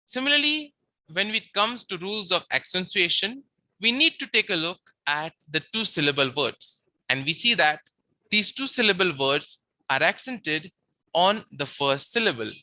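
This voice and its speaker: A teacher giving a methodical beginner grammar lecture, repeating each example word slowly and often saying "we see". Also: medium pitch, expressive, bright, forceful tone, dry recording. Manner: habitually says "we see". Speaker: Latin teacher.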